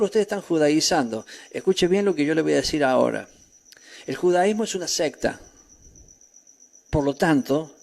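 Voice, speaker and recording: A male pastor preaching a sermon in an emphatic way, with rhetorical questions, sometimes rising to near shouts, with crickets chirping behind him. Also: fairly high pitch.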